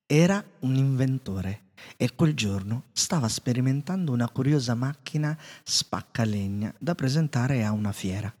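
A man narrating a storybook in a calm, measured way. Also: mid-range voice, husky. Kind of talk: storybook reading. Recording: reverberant room.

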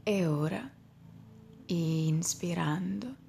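A woman leading a guided meditation in a slow, soft voice that often drops into a whisper. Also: lowish voice, lively intonation, creaky, slight background noise.

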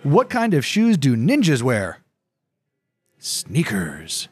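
Husky man joke teller with lively pitch. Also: slow. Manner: setup and punchline delivery. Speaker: host telling dad jokes. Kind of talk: joke teller, delivering one-liner dad jokes.

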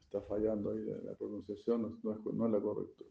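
Male swami lecturing scripture, low gravelly voice, gentle explainer who keeps checking in; dull echoey room recording. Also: completely flat delivery, fast talker, a little hiss or hum. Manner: explains gently with frequent tag questions, chuckles at own jokes. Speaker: swami giving a scripture class. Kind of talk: sermon.

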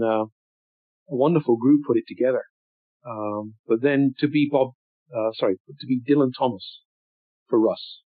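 A man's voice: medium pitch, no echo. Older man, reflective storyteller, hesitant and meandering; phone-like audio. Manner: rambling, thoughtful, many ums and restarts. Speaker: interviewee.

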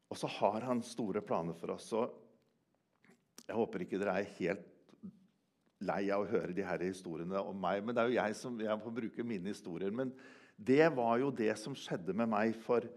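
An older man preaching a sermon in a church, earnest, swinging from loud emphasis to hushed quiet. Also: fairly low pitch. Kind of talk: sermon with personal testimony.

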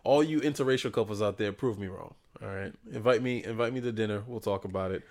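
A man's voice: fairly low pitch, fast, a little mellow. A young adult man co-hosting a podcast, giving blunt, profane, joking opinions in casual chat. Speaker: podcast co-host.

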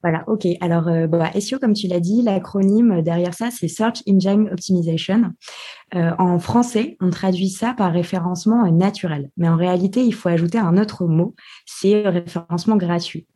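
A woman's voice: on the low side, normal speed, dark tone, husky. A woman guest on a podcast interview, explaining her work with many hesitations. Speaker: podcast guest, digital marketer.

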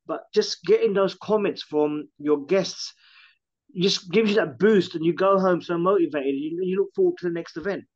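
A man's voice: sits high, normal speed, muffled recording. A man who owns a catering business, talking casually in an interview and retelling what his customers said. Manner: chatty, restarts often, retells customer quotes.

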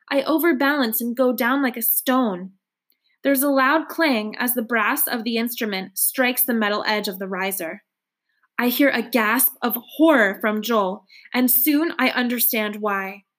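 Woman reading a novel aloud. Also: fairly high pitch. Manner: expressive storytelling. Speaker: audiobook reader.

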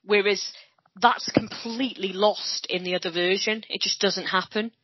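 A woman from Wales, co-hosting a podcast, speaks with a Welsh accent at medium pitch and a moderate pace, her fairly even voice carrying a breathy edge. In casual chat she earnestly elaborates her points at length, and the recording is dry, dull, lo-fi and without echo.

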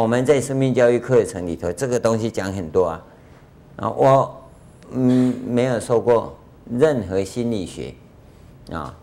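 An older man gives a Buddhist dharma lecture in a conversational way, full of rhetorical questions and drawn-out filler sounds. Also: fairly low pitch, darkish tone. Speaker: Buddhist master giving a lecture.

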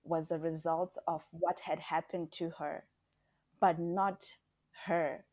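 A woman's voice: on the low side, little pitch movement, slow pace, darkish tone, dry recording. A woman who co-hosts a podcast, reading a story aloud and then talking about it in a heartfelt, emphatic way. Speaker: podcast co-host. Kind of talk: story reading and casual discussion.

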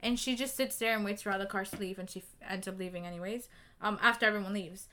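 A woman's voice: mid-range voice, fast talker, sharp tone. A young woman co-hosting a podcast, retelling book scenes at length in a chatty way, full of "like" and "you know". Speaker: podcast co-host. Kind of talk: casual book discussion.

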